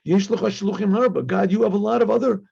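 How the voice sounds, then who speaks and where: With a high, mellow voice and a fast pace, a rabbi teaches an informal lesson over lo-fi sound. He reads Hebrew aloud, translates it in a chatty way, repeats phrases, acts out dialogue, and frequently clears his throat.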